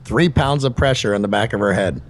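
A man's voice: fairly low pitch, fairly quick, slight background noise. A man guest co-hosting a casual podcast, wisecracking and telling crude jokes. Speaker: guest co-host.

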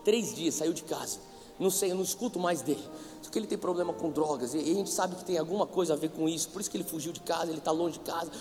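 A man's voice: a little high, fast talker, a little mellow, in a large hall, faint music behind. A Brazilian man preaching a passionate sermon as a pastor, calling on listeners to repeat his words. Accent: Brazilian Portuguese.

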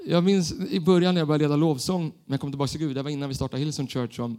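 Male preacher, fairly high voice, lively self-mocking storytelling sermon.

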